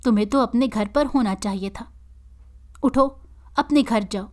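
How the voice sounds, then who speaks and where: A woman's voice: a little high, unhurried, lightly acted. A woman voicing a menacing female jinn spirit who orders the hero away, in a read-aloud story. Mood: commanding.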